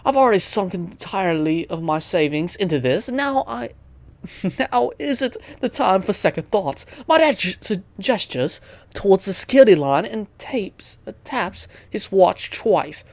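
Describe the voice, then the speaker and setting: In a dry recording, a let's player works through a visual novel out loud, sounding animated but unhurried at medium pitch. They stumble on the text and wander off into rambling asides as they comment on the game.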